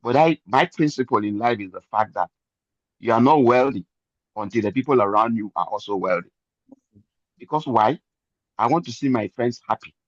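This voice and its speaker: A man's voice: mid-range voice, dry recording, muffled recording. An older man giving an earnest, preachy testimony and repeating phrases for emphasis. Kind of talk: motivational testimony.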